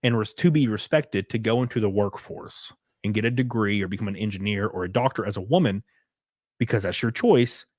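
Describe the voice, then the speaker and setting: A man's voice: lowish voice, a little fast, a little mellow, dry recording, clean studio sound. A man hosting a casual podcast chat, rambling and ranting with lots of filler words. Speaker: host.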